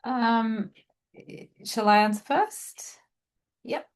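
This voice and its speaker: A woman's voice: on the high side, drawn-out words. A woman from Malaysia, a guest writer, talking reflectively about her craft with many fillers and restarts. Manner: reflective, meandering, with frequent fillers. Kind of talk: conversational craft discussion.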